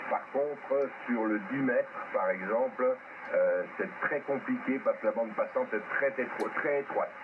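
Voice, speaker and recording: Speaking off the cuff over amateur radio, a man with a mid-range voice and normal speed discusses technical topics, hesitant and repeating words to stress them. The ham radio transmission, picked up by a radio transceiver microphone, rides on a very noisy, narrow-band link.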